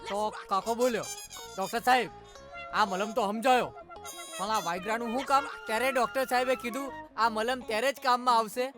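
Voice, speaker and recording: A cheeky schoolboy joker. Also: male voice, very high-pitched, steady tone, a little fast, over music. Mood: joking. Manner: joking, teasing. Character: cheeky schoolboy prankster telling crude jokes. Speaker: mischievous schoolboy student.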